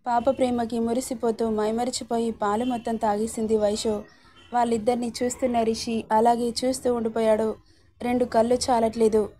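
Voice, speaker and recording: A woman reading a romance story aloud as scripted narration, voicing every character herself at a steady reading pace. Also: on the high side, normal speed.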